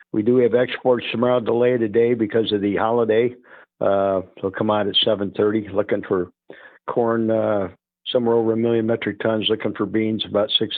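A man talking over the phone as a market analyst guest, giving halting market commentary with many fillers. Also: lowish voice, no room sound. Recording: tinny phone line.

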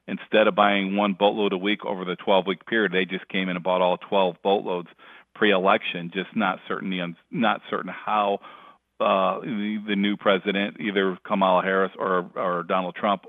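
A man giving a market report over the phone, in a brisk, repetitive way with restarts. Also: deep voice, dry recording. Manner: brisk, repeats himself and restarts. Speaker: market analyst. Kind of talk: market commentary. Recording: tinny phone line.

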